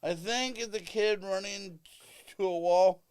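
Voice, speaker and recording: A man co-hosting a casual podcast chat, talking slowly and stuttering on some words. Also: high-pitched, darkish tone, clear, resonant tone, no room sound. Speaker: co-host.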